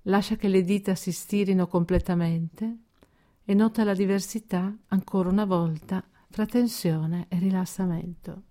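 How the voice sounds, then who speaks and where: A woman guides a progressive muscle relaxation exercise as a scripted narration, giving calm, measured instructions with deliberate pauses. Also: mid-range voice.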